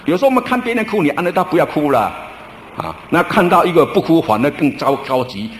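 A middle-aged male pastor preaching a sermon in a relaxed, storytelling way, drawing out his sentence-end particles. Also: fairly high pitch, quick pace, slight background noise. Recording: roomy church recording with faint ambience.

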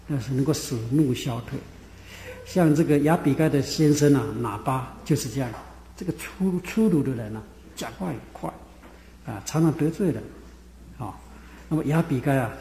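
A man's voice: a little high, dark tone, slight background noise. Man preaching in an echoey hall. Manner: folksy Bible teaching with many "ah" fillers. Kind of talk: sermon. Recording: echoey hall with faint ambience.

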